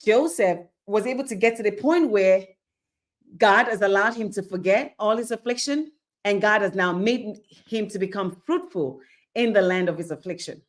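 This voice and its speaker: At a moderate pace and in a mid-range voice, a Nigerian woman leads an animated, sermon-like Bible teaching. She keeps the audience engaged with rhetorical questions, acted-out vignettes, and frequent "okay?" check-ins.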